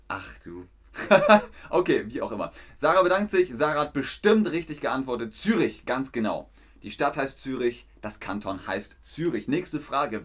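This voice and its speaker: Upbeat male German-lesson streamer. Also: mid-range voice. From not from Switzerland. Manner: upbeat, praises viewers often. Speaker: German-teaching livestream host. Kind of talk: live stream lesson reading chat questions.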